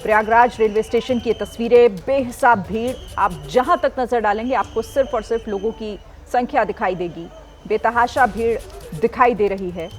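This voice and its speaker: A woman news anchor reading the news in a crisp, formal manner. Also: on the high side, moderate pace, soft background music.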